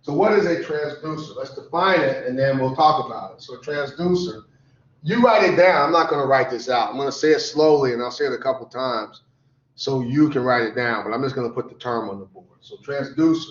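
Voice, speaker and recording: A tired, sleepy man teaching a lecture class, repeating definitions slowly so students can write them down. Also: mid-range voice. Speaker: college instructor. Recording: echoey classroom, dull lo-fi sound.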